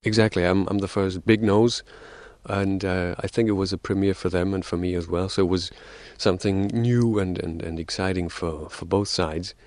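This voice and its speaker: A man appears as a guest on a radio interview, explaining at length in a hesitant way, with frequent fillers and restarts, laying out his ideas as numbered theories. His voice sits low with a steady, darkish tone at normal speed, and there's no room sound.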